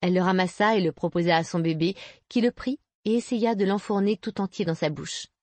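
A woman narrating an audiobook with steady, even reading. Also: mid-range voice, fairly quick, dry recording. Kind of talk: scripted narration.

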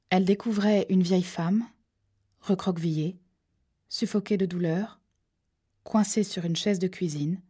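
A woman narrating a thriller audiobook in a steady, measured storytelling voice that drops to hushed tones at tense moments. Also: fairly low pitch, breathy edge.

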